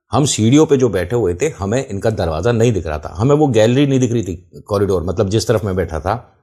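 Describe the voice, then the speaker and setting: Husky low-voiced man telling a ghost story. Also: warm tone. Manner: conversational, addresses the listener directly and explains the scene. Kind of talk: casual first-person horror story narration.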